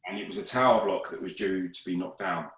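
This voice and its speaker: A man's voice: low voice, fast talker, echoey room, rough recording. A man telling rambling, sweary anecdotes about his days as a DJ in a casual chat. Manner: rambling, swears, gets loud and excited in anecdotes. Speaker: podcast speaker, DJ.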